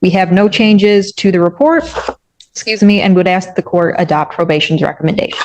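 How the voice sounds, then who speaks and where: A woman with a somewhat low voice speaks as an assistant public defender, heard in a courtroom recording. She addresses the bench in formal, measured procedural language. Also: a little mellow, poor audio. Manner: measured, procedural legal phrasing.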